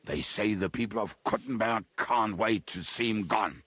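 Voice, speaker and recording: An actor playing a bitter, gruff henchman in a video game, heavily drunk, with a gravelly voice. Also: fairly low pitch, moderate pace, fairly bright tone, no room sound. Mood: grim. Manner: blackout drunk, slack drunken speech. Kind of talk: video game dialogue acting.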